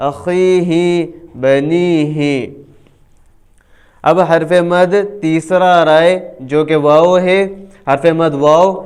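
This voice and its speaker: Clear-voiced man drilling letter sounds. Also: a little high, darkish tone. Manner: drawn-out syllables, explains quickly between drills. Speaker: Quran reading teacher. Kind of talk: slow spelled-out letter drill lesson.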